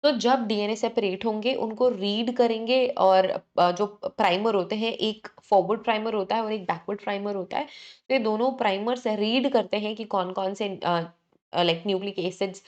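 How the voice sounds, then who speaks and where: A woman teaching an exam revision lecture, explaining briskly, often checking in with the class and correcting herself as she goes. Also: mid-range voice, steady tone, darkish tone, dull audio. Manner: brisk, repeats "ठीक है" to check in, self-correcting; mixes English terms into Hindi explanation.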